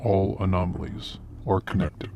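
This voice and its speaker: An ominous, formal, commanding voice comes from a man portraying a stern, secretive paranormal investigator and mentor in an audio drama, his deep voice disguised and altered. He speaks flatly at a moderate pace with a mellow sound; the highs are cut off and there's slight background noise.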